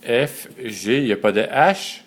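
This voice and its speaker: A man, slowly and methodically teaching a writing system letter by letter. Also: mid-range voice, animated. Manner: slow and methodical, spelling out letters one by one. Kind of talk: step-by-step lesson.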